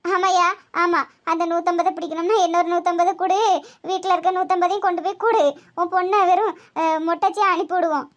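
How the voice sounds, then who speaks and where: A woman voicing a scolding, anguished middle-aged wife and mother in a comedy cartoon, with a Tirunelveli Tamil accent and a shrill, wailing manner. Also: flat delivery, fast talker, lo-fi sound.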